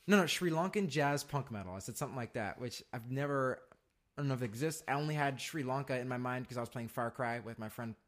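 A man's voice: medium pitch, quick pace. A young adult man co-hosting a podcast, telling a long story in a loose, profane way full of fillers. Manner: laid-back, profane, rambling with fillers. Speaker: podcast co-host. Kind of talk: casual storytelling chat.

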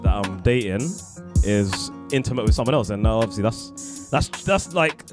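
A young man with a London roadman accent and slang, chatting casually as a podcast co-host, excitable and agreeable, often repeating his phrases. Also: on the low side, moderate pace, music in the background. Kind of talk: casual chat.

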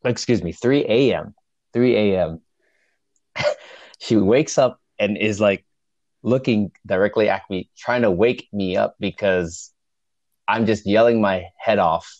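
Low-voiced man telling a story haltingly. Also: darkish tone, no echo. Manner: halting, frequent restarts and chuckles. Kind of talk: casual spoken storytelling. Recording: dull lo-fi dry recording.

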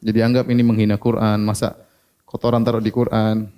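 A man's voice: on the low side, level tone, a little fast, mellow, clean tone. A man giving a religious lecture, who keeps asking his listeners questions and answering them himself. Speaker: Islamic preacher.

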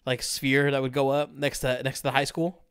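A man's voice: medium pitch, little pitch movement, fairly quick, a bit bright, smooth, dry recording, studio quality. A young man co-hosting a podcast, telling a long party story in a rambling, profane way, with lots of fillers and laughter. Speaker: podcast co-host. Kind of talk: casual storytelling chat.

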